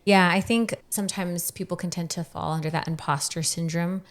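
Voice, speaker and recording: Lowish-voiced woman, chatty interviewer. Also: steady tone, fairly quick. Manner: affirming, chatty. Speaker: podcast interviewer. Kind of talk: casual conversational interview.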